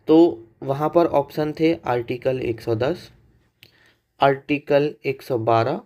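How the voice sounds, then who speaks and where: A man's voice: medium pitch, a little mellow. A man teaching an exam-prep economics lecture, putting questions to his students and repeating the key facts. He mixes English terms into his Hindi explanation.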